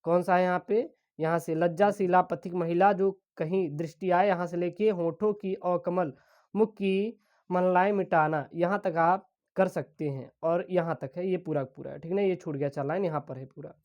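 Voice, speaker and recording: A woman teaches an exam-prep lesson in a slightly low voice. She explains each question step by step, keeps addressing her students as dear children, and reads literary passages aloud slowly. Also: steady tone, dull audio.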